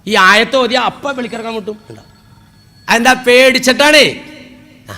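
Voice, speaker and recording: A man's voice: very high voice, normal speed, pushed and bright. A man, giving a humorous sermon with dramatic wailing impressions and chanted verses. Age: 50s. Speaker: Islamic preacher.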